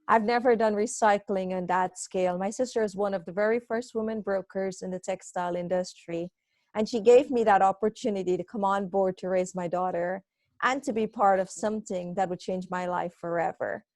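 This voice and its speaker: A woman's voice: mid-range voice, fairly even intonation, a little fast, a little mellow, no room sound. Middle-aged woman from guyana chatting on a video call, dry sound, easygoing. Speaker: guest, textile recycler. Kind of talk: live video call interview.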